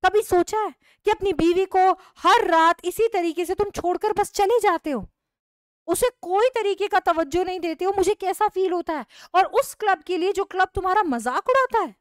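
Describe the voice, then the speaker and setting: A woman teacher voicing a sharp-tongued middle-aged mother who scolds her husband in raised, indignant tones. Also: very high voice, moderate pace, dry recording, studio quality, voice pushed up. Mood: scolding.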